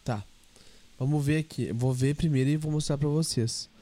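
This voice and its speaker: A man's voice: mid-range voice, normal speed, dark tone. A man, hosting a podcast in a playful, chatty way and scolding a child now and then. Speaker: podcast host. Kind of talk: casual chat.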